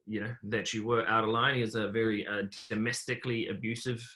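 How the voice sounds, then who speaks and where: A young man from New Zealand, a podcast guest telling his life story in a relaxed, rambling way with many fillers. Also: fairly low pitch, a little fast. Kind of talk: casual conversational interview.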